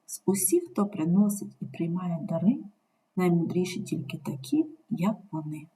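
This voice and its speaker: A woman reading a story aloud in a measured, expressive narration. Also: on the low side. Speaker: reader.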